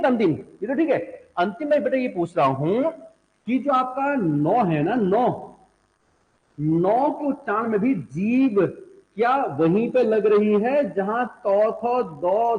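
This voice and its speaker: Male teacher, young adult, high lively voice, asks and answers his own questions, classroom reverb. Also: measured pace, lo-fi sound. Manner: asks students questions and answers them, repeats syllables. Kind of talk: classroom lecture on Hindi phonetics. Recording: echoey classroom.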